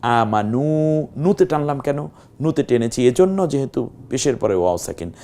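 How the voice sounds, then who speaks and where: A man teaching a Quran reading class, who explains each rule step by step, asks and answers his own questions, and draws out the vowels slowly when he demonstrates. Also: medium pitch, sing-song, gravelly, mellow. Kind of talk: televised Quran reading lesson.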